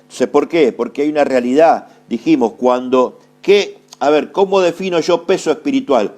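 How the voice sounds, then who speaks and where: A man's voice: mid-range voice, normal speed, darkish tone, soft background music. A middle-aged Argentine man preaching a sermon with an Argentine accent, asking questions and answering them himself, repeating key phrases. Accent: Argentine Spanish. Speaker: apostle preaching.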